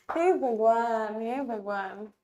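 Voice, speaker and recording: A woman teaching an English class online, switching easily between Hindi and English. She talks in a chatty, coaxing way, her voice on the higher side. The room around her is echoey. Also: darkish tone.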